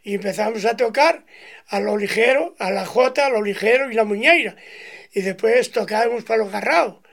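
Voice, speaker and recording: His voice is high, gravelly and fairly bright, moving at a moderate pace. He's an Asturian-accented bagpiper in his nineties, rambling through life stories for an interviewer in a folksy, meandering way and voicing the people he describes.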